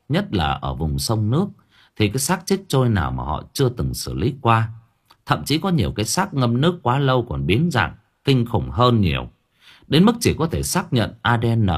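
A man narrating an audiobook story dramatically, slowing down for suspense. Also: fairly low pitch, slightly rough.

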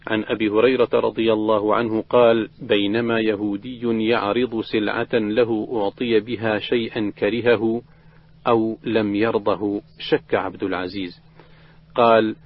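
A man reading a classical collection of prophetic traditions aloud in a steady, measured recitation, voicing the quoted dialogue plainly without acting it out. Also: on the low side. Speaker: reader of a hadith collection. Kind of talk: recited religious text reading. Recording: dull lo-fi recording.

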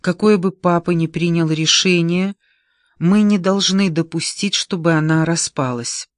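Reader playing an anxious grown woman pleading with her family, urgent, slow, dry close recording. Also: medium pitch, dry recording, close to an everyday voice. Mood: earnest.

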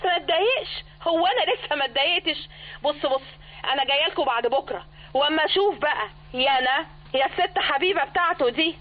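A furious daughter on the phone. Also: female voice, sits high, expressive. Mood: outraged. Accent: Egyptian. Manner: outraged, rapid protesting. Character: indignant grown daughter, furious at father's remarriage. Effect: telephone. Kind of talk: Egyptian radio drama. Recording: tinny phone-line sound.

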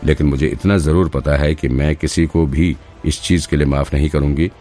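Protective wife laying down the law, man voicing her, deep stern audiobook voice. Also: steady tone, moderate pace, dark tone, soft background music. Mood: stern, angry. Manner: stern, commanding. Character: protective young wife and mother, fierce and stern.

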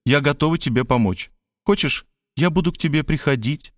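Man doing a doting dramatic woman, high-pitched, gushing exclamations, dry audiobook sound. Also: fairly quick, dry recording, close to an everyday voice. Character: pleading, theatrical middle-aged woman, doting and dramatic. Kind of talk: audiobook character voice.

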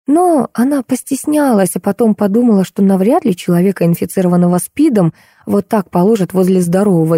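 A woman reading an audiobook aloud in an even, measured storytelling manner. Her voice is mellow and warm, and the sound is dry and close. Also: lowish voice, dry recording. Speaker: audiobook narrator. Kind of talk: scripted audiobook narration.

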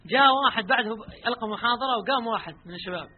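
A man's voice: very high voice, very fast, slightly rough. A man preaching a colloquial sermon, telling stories and putting rhetorical questions to his listeners. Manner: lively, asks the crowd rhetorical questions. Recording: tinny phone-like lo-fi recording with faint noise.

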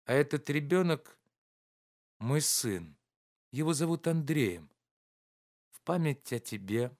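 A man voicing a weary, gentle, resigned landowner who speaks slowly and softly. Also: medium pitch, clean tone, dry recording, studio quality, close to an everyday voice. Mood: calm. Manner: slow, soft, pleading delivery.

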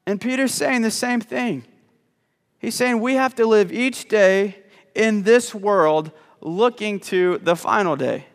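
A man's voice: high-pitched, slow pace, in a large hall. A male pastor preaching a sermon in a church, talking in a conversational, joking way with frequent false starts and repeated words. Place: church sanctuary.

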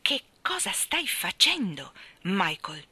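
A prim, no-nonsense nanny from a storybook, voiced by a woman reader, with firm, clipped lines pitched a little above the reader's own voice. The tone is bright and sharp. The voice is dry and close. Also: sing-song, slow, breathy edge, dry recording, full character voice. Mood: stern.

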